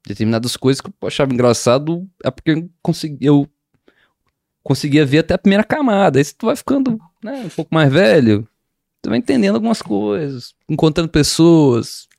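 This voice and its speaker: Um homem com sotaque brasileiro, comediante, numa conversa descontraída, falando com muita gíria e palavrão. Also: male voice, on the high side, brisk, gravelly, no echo, studio quality. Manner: slangy, animated, swearing freely. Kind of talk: casual chat.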